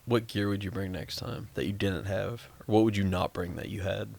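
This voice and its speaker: A tired young man co-hosting a vlog, asking calm, dry questions after a long run. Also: low-pitched, brisk, creaky. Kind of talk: casual vlog chat.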